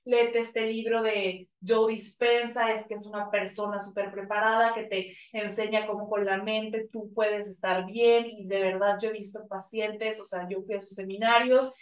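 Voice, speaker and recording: A woman's voice: medium pitch, flat delivery, normal speed, hardly any pauses, recorded from a distance. Woman telling a personal story, off-mic. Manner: emotional, filler-heavy retelling with many quoted lines. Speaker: guest telling her story. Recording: echoey room, a bit off-mic.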